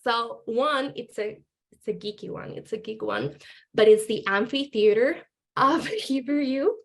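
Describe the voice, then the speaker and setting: A woman's voice: a little high, sing-song, unhurried. Chatty woman alumni on a zoom call, laughs a lot, lots of ums. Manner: chatty, laughs often, filler-heavy. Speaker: alumni speaker. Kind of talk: casual panel talk on video call. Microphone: video call.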